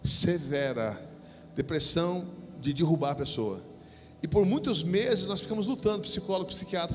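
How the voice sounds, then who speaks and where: A middle-aged Brazilian man preaching as pastor, his voice pitched high. He swells into loud bursts, then drops low to tell a story. The sermon rings through a church hall with a long reverb and faint music behind. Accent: Brazilian Portuguese.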